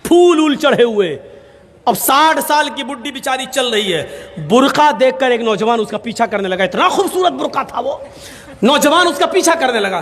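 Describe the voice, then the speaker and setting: A man preaching a sermon, telling stories and jokes, impassioned and bursting into shouts. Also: very high-pitched. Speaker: Islamic preacher. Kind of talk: sermon with storytelling. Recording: long hall reverb.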